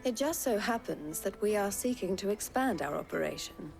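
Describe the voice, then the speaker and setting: A polished merchant boss in a video game at a middling pitch. She is formal, shrewd and courteous, with faint music underneath. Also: animated, moderate pace, a little mellow. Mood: smug, businesslike. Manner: smooth salesmanship, formal, courteous. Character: polished, shrewd, mercantile woman caravan leader. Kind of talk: video game drama acting.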